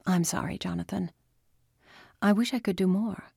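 A woman voicing a female doctor who speaks in a measured, professional way to a patient. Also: fairly low pitch, dry recording, studio quality, lightly acted. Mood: clinical. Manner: measured, softening.

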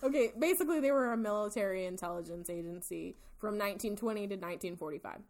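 A woman's voice: medium pitch, fast, a little mellow. A woman hosting a casual true-crime show, reading from notes in an informal, giggly way. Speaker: podcast host.

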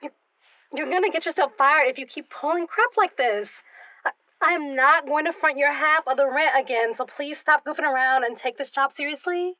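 A woman's voice: sits high, moderate pace, no echo, lightly acted. A woman playing an exasperated, responsible roommate in an audio drama, scolding and earnest over a phone call. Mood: exasperated, pleading. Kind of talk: naturalistic audio drama dialogue. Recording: dull phone-call sound.

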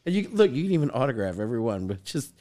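A podcast co-host with a medium-pitched, mellow voice talks at a racing pace and is very animated. He keeps things upbeat and jokey in a casual sports podcast chat, reading out comments from viewers.

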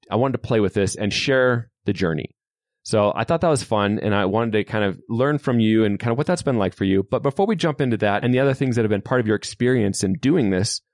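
A man's voice: on the low side, no echo, clean studio sound. A man hosting a programming podcast, sharing opinions in a conversational way. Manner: opinionated, conversational, lively emphasis. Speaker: podcast host. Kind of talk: tech podcast talk.

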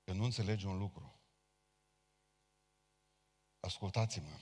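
A man's voice: low-pitched, darkish tone, slightly rough. A man preaching a sermon as a Pentecostal pastor, speaking fervently and addressing his congregation directly. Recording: long hall reverb.

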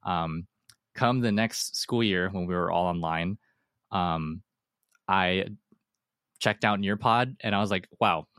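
Man, teacher guest, very low voice, eager rambling talker, dry sound. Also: takes it slowly, pauses often, a bit bright, smooth, no echo. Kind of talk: casual interview chat.

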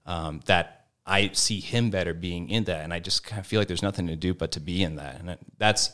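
A man speaking as a formator on a podcast panel, giving reflective, searching answers with many pauses and restarts. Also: low-pitched, pushed and bright.

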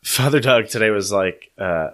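A man's voice: on the low side, moderate pace, a bit bright. A man co-hosting a podcast, chatting casually and joking through playful banter. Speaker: podcast co-host. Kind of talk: casual chat.

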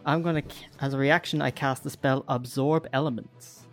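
Male player, keen storyteller of his turns, middle-pitched voice, quiet music behind. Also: steady tone, moderate pace. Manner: eager, vividly describes his moves. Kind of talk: tabletop game play.

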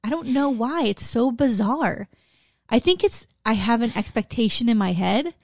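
A middle-aged woman talks as a podcast co-host with a creaky, gravelly voice strained from shouting. She is blunt and casual, swears freely and peppers her talk with "like". The sound is dry and close. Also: a little high, lively intonation, moderate pace, no room sound. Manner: blunt, profane, uses "like" constantly. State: strained throat after a day of screaming. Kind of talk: casual candid chat.

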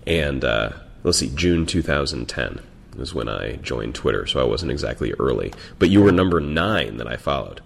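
Deep creaky podcast host. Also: male voice, expressive, normal speed, slight background noise. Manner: hesitant, restarts words, laughs often. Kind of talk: casual interview chat.

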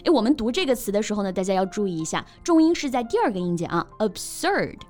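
A woman co-hosting a bilingual podcast lesson as an English teacher, lively and laughing often, giving example sentences. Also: mid-range voice, very fast, faint music behind.

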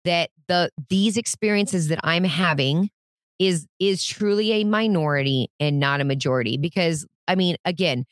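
A woman's voice: fairly low pitch, moderate pace, no echo, studio quality. A middle-aged woman co-hosting a casual political chat, blunt and exasperated, swearing freely. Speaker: co-host.

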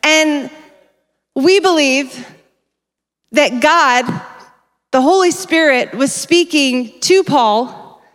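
Speaking at a church conference, a woman with a somewhat high voice preaches in an energetic, conversational style, frequently correcting herself mid-sentence. Her pace is very slow, with long pauses. The stage microphone picks up the long reverb of a large hall.

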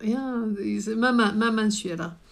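British woman speaking accented Mandarin, creaky voice. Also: medium pitch, normal speed. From United Kingdom. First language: English. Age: middle-aged. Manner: foreigner speaking Mandarin, simple phrasing with word searches. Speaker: interview guest, food writer and cook. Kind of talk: conversational interview answers.

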